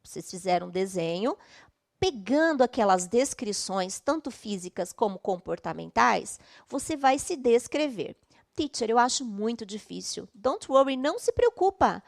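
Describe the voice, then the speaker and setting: A woman's voice: fairly high pitch, sing-song, normal speed, gravelly. A woman with a Brazilian Portuguese accent teaching an online English class, explaining patiently step by step and checking in often.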